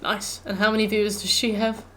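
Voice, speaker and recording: A British woman commentates casually on the game she is playing. She is chatty and jokey, reacting out loud in a mid-pitched voice. Some faint game ambience sits behind her. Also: level tone, fairly quick. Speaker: game streamer. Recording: background noise, game ambience. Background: video game sound.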